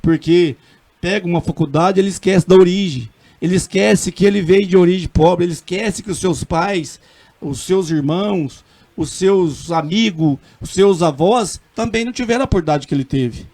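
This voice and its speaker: A Brazilian city councilman in middle age, with a high, darkish voice and a moderate pace, answers radio interview questions earnestly and emphatically. He frequently restarts sentences, and his Portuguese carries a Minas Gerais accent.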